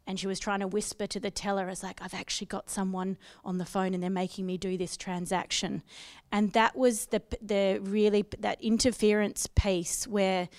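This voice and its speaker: A woman's voice: medium pitch, gravelly, a little mellow, no echo. A woman on a panel explaining banking security in an explanatory way, with frequent ums. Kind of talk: panel discussion.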